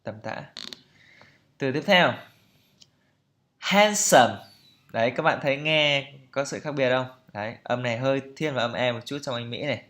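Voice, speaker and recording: A man teaching pronunciation, explaining patiently and repeating example words slowly for students to copy. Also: mid-range voice, fairly even intonation, a bit bright. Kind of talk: pronunciation lesson.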